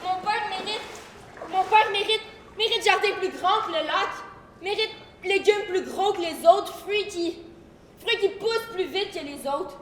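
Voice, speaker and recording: A schoolgirl playing a grieving young woman who speaks in clipped, broken phrases. Her voice sits very high. It rings through an echoey theatre hall with a clear hiss of room noise. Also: unhurried, pauses often. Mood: distraught. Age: teens. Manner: clipped, dropped-word phrasing. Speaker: student actor. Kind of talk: school stage play.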